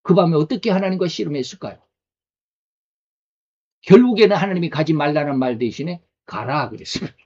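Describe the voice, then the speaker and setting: Pastor, male, higher voice, chatty sermon full of rhetorical questions, dull lo-fi recording. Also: animated, brisk, pauses often, mellow. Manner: conversational preaching with rhetorical questions.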